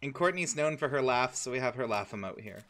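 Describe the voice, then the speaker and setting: A man's voice: mid-range voice, expressive, quick pace, fairly bright tone. A man co-hosting a live gaming stream, chatting casually, laughing and swearing as he reacts to the game. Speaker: streamer co-host.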